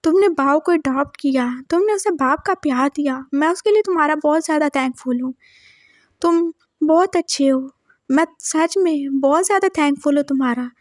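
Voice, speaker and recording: A sensitive older husband in a storybook, as a woman narrator puts him on speaks in a high voice. His manner is earnest and quick to scold. The recording is dry and close. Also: no echo, natural voice.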